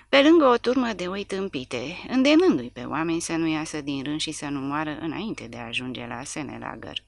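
A woman narrating a war novel in the first person with an expressive, animated reading. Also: low-pitched, creaky, dry recording. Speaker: audiobook narrator.

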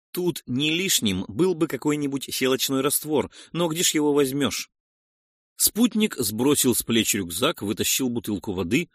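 A male audiobook narrator tells a first-person action story with a lively, rising and falling delivery. The recording is close and dry, with no room around the voice. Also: mid-range voice, no echo. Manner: lively, expressive reading.

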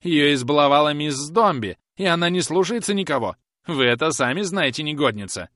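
A man reading an audiobook aloud, voicing a vindictive, croaking old woman housekeeper who screeches her spite. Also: on the high side, very animated, brisk, fairly bright tone, no room sound, clean studio sound, voice pushed up. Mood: spiteful. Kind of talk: audiobook character voice.

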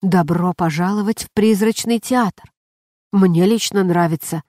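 A woman voicing a flamboyant, lively young male actor in a storybook, exclaiming eagerly. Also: mid-range voice, measured pace, no echo, clean studio sound, natural voice. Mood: excited.

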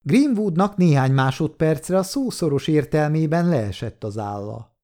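A man narrating a short story as an audiobook reader, in a steady, measured way. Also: fairly high pitch. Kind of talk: scripted narration.

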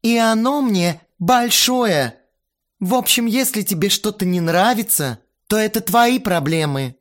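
A man's voice: high voice, expressive, measured pace, pitched above the performer's own voice. A man voicing a capricious, spoiled young actress who whines and insists on her own way in an audiobook. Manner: capricious, whiny.

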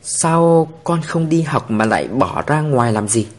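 Patient, firm policewoman, read by a male narrator; earnest, slightly breathy. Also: medium pitch, expressive, a little slow.

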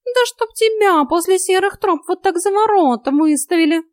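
A woman's voice: very high voice, normal speed, no room sound, clean studio sound, pitched above the performer's own voice. A woman voicing a grumbling, sarcastic male talking cat in an audiobook. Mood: scolding. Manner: sarcastic, scolding.

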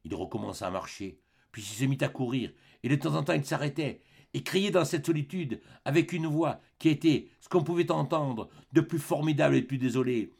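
A man reading a classic novel aloud as an audiobook narrator, with an expressive, dramatic delivery. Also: mid-range voice, brisk, gravelly, slightly rough. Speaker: audiobook reader. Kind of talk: scripted narration.

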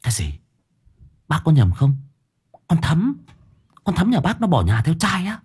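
Brief: courteous young teacher, a man reading him, deep husky voice. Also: big pitch swings, normal speed, a little mellow. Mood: shocked. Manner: polite, stammering with surprise. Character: young male trainee teacher, polite and startled.

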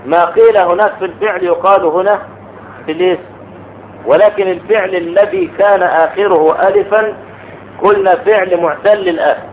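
A man's voice: sits high, steady tone, moderate pace. Guy teaching grammar, asks the class questions, thin phone sound with a faint hiss. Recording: tinny phone-like recording with faint noise.

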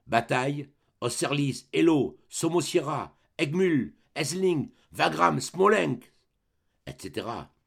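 A man's voice: on the high side, lively intonation, slow, gravelly, breathy edge, heavily acted. A man reading the part of a boastful old grenadier sergeant, declaiming rhythmic verse in a dramatic reading of a play. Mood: proud.

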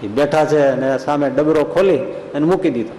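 A man's voice: a little high, moderate pace, warm tone, a little hiss or hum. Man preaching a folksy sermon. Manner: folksy, acts out voices in the story. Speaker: swami. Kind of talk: storytelling sermon. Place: temple school hall. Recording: echoey hall with long reverb.

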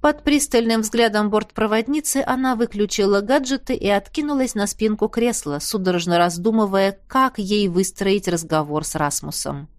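A woman narrating an audiobook in a measured, even scripted reading. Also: medium pitch, no room sound, studio quality.

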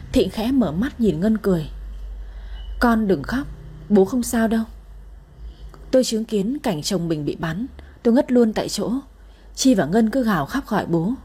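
A woman's voice: medium pitch, dark tone, husky. A woman narrating a dramatic family story in the first person, voicing each character herself.

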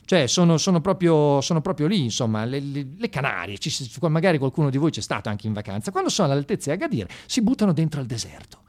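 Fast and sing-song, with hardly any pauses, a man with a slightly high, darkish voice performs on radio. The monologue artist and storyteller speaks from the studio in informal, colloquial satire, ironic and mock-enthusiastic, addressing listeners directly.

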